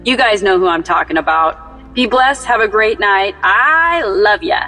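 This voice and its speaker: A woman's voice: mid-range voice, animated, normal speed, fairly bright tone, long reverb tail, soft background music, low-quality recording. A middle-aged woman caller giving informal spoken prayers and encouragement in an earnest, exhorting way. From Texas.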